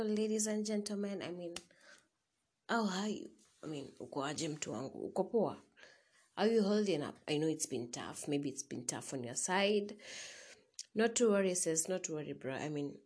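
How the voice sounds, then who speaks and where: A young woman with a Kenyan accent talks in a slightly low, husky voice. She hosts solo in a chatty, informal way, addressing listeners directly and dropping in Swahili slang. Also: a little mellow. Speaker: podcast host. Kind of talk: casual solo chat to listeners.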